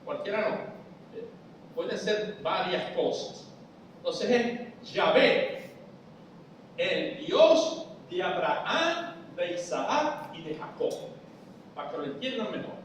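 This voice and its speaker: High-voiced preacher teaching, echoey hall. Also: male voice, very animated, takes it slowly, long pauses, recorded from a distance, a little hiss or hum. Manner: explains step by step, asks the audience if they follow. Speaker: preacher teaching a Bible study. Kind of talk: church Bible study lesson. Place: church hall. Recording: echoey church hall, voice from afar.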